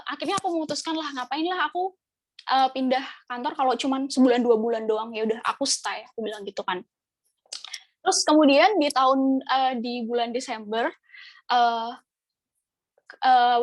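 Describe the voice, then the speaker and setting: High-voiced young woman sharing a testimony. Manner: casual, chatty storytelling with many fillers. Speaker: church member giving testimony. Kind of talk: personal testimony at an online church service.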